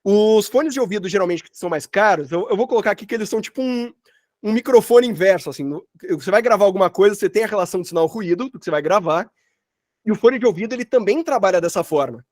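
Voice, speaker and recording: A Brazilian sound designer runs an online workshop from his own workspace, speaking in a high, expressive, fast voice with a slightly mellow quality. The recording is clean and studio-like with no room sound. He teaches informally and rambles, thinking aloud and correcting himself often as he explains.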